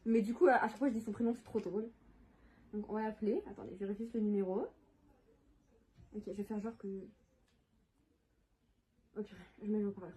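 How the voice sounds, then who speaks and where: A teenage girl chatting excitedly in a casual prank-call vlog. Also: medium pitch. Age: teens. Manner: chatty, excitable, quick to laugh. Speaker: vlogger.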